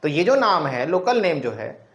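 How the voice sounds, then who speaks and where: A male teacher explaining biology to his students, his voice sitting a bit high. He often repeats himself, poses questions and answers them right away, and drops English technical terms into Hindi sentences. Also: very animated, normal speed, a bit bright, dull audio. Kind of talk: classroom lecture.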